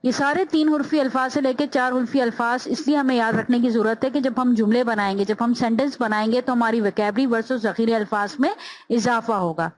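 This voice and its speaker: A woman teacher giving a spelling lesson, sounding out letters and words one by one in a slow, drawn-out way. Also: a little high, dry recording, low-quality recording.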